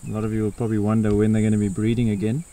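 Low, mellow safari guide, male. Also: monotone, rapid-fire. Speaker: safari guide and wildlife vlogger. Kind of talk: casual wildlife narration to camera. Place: outdoors in open bush, from a safari vehicle. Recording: outdoor recording with insect and nature noise. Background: faint crickets and bush ambience.

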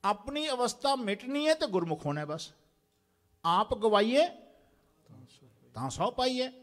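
A man's voice: very high-pitched, animated, a little slow, a bit bright. A man preaching a sermon in a large temple prayer hall, exhorting the congregation and having them repeat lines after him. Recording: long hall reverb.

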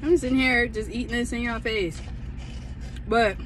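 A woman's voice: fairly high pitch, fairly even intonation, normal speed, a bit bright, a little hiss or hum, poor audio. A woman vlogger casually reviewing food with her mouth full and chewing as she talks, laid-back and enthusiastic. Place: inside a parked car with air conditioning on.

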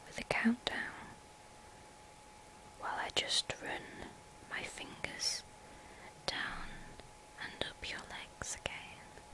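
A woman playing a gentle, soothing spa massage therapist in a soft-spoken whispered role-play, slow and reassuring. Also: poor audio. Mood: calm, soothing.

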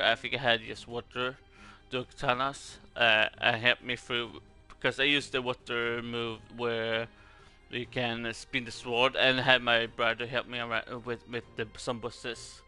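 A man's voice: medium pitch, flat delivery, normal speed, pushed and bright, clear, resonant tone, soft background music. A man from Sweden with a Swedish accent gives casual game commentary in a hesitant, rambling way, repeating words as he goes. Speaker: gaming video creator.

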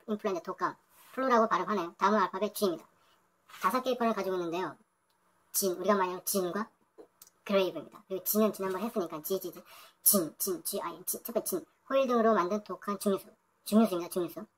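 A woman's voice: mid-range voice, fairly bright tone, slight background noise. A woman going through English vocabulary entries one by one, repeating each word several times and adding her own remarks. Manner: repeats words over and over, thinks aloud. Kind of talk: reading dictionary entries aloud with comments.

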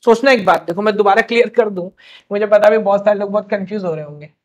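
A young man teaching a live class, quizzing students with quick questions and scolding them playfully to keep them motivated. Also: high voice.

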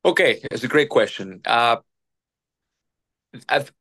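On a phone video call from an indoor room, with the phone held at arm's length, a Venezuelan retired Marine officer in his forties is a guest in a casual interview. He speaks slowly and expressively in a mid-range, slightly bright voice, polite and earnest and using many fillers.

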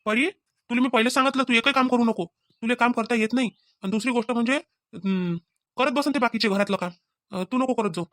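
A woman's voice: fairly high pitch, fast talker, a bit bright, dry recording, clean studio sound, natural voice. A woman voicing a young cartoon husband who keeps questioning and pleading. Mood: anxious. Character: young husband short of money.

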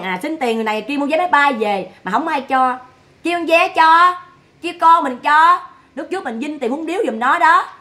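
A woman rants in a scolding, mocking vlog monologue, firing off rhetorical questions. Her voice sits high and bright. She keeps up a sharp, needling edge throughout. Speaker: vlogger commenting on family drama.

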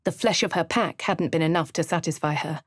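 In these brooding game voice lines, a woman plays a posh young female adventurer with a posh English accent, alternating quiet inner narration, hushed whispers and shouted spells. Her voice sits low and moves fairly quickly. The sound is clean studio audio without echo.

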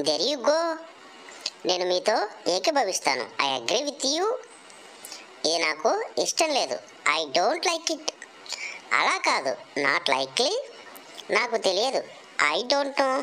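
A woman teaching English phrases, reading each one slowly after its Telugu translation. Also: on the high side, a bit bright, a little hiss or hum, rough recording. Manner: slow, deliberate reading of phrase pairs.

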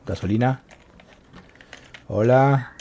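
A man's voice: mid-range voice, slow pace, mellow, slight background noise. A man giving casual gameplay commentary, muttering to himself and calling out to his viewers. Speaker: gaming channel host.

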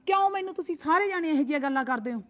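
A woman's voice: sits high, lively intonation, racing, fairly bright tone. A woman playing a proud young married woman who scolds her sister-in-law, full of sayings. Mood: defiant. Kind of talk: short family drama.

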